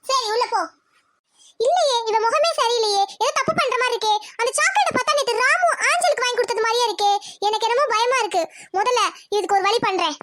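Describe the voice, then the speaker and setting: In this cartoon voice-acting clip, a woman plays an anxious, strict middle-aged village mother who scolds suspiciously in rural Tamil speech. Her voice is extremely high, expressive and quick, with a firm mood, and the recording is very noisy.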